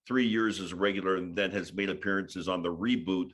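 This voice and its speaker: Low-voiced man from Hawaii, podcast guest, musing, filler-heavy chat. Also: fairly even intonation, a little fast, a bit bright. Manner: thoughtful, many fillers and restarts. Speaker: podcast guest, sports broadcaster. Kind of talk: casual interview chat.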